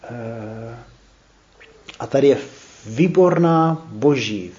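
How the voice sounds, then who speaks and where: A man leading a group Bible study, talking reflectively and pausing to put questions to the group. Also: medium pitch, darkish tone. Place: room with a small group. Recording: roomy, dull recording with faint clicks.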